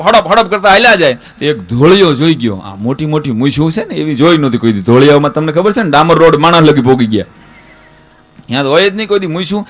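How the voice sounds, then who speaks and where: A man, a folk stage comedian telling jokes and putting on voices for the characters. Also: fairly high pitch. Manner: lively joke-telling that switches into voices for the characters. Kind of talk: stand-up folk comedy storytelling.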